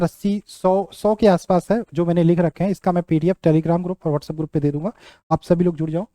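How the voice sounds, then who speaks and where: High-voiced man teaching spelling drills. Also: mellow, no echo. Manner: repeats words while writing them out, checks in with "ठीक". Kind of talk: online exam-prep lesson.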